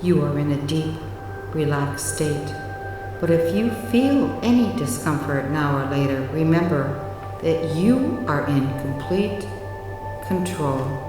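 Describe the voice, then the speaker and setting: A woman narrating a guided relaxation meditation in a soothing, measured way with long pauses, recorded with heavy reverb. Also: deep voice, animated. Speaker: hypnotherapy guide. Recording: very echoey, long reverb, distant. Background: music.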